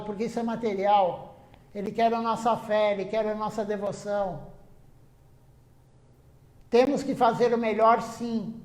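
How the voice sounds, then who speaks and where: A man's voice: high-pitched, darkish tone, echoey room. A man giving an earnest devotional sermon at a temple, stressing his points by repeating them. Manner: earnest, repetitive emphasis. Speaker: temple speaker. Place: temple hall.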